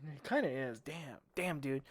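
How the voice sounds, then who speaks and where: A man's voice: medium pitch, moderate pace. A man co-hosting a podcast, jokey and upbeat, laughing often in casual chat. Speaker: podcast co-host.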